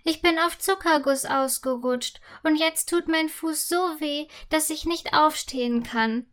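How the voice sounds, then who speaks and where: A woman voicing a gentle female sugar fairy, soft and plaintive. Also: high voice, unhurried, voice pushed up.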